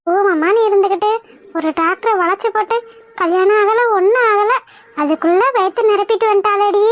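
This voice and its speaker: A woman doing a shrill gossiping village woman. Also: fairly quick, no room sound, clean studio sound. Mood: scornful. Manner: shrill, scornful, nagging. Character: loud scolding village gossip woman, middle-aged. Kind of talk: cartoon voice acting.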